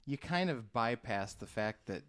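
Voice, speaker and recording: A man's voice: mid-range voice, expressive, measured pace, a bit bright. A young man co-hosting a casual chat, joking and full of puns. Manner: joking, punning. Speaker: co-host.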